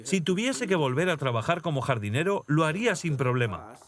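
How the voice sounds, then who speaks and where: A calm, easygoing young prince with a slightly high voice, as a male dub actor voices him. He speaks reflectively and steadily in a documentary voice-over. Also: brisk. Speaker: dubbed interviewee voice-over.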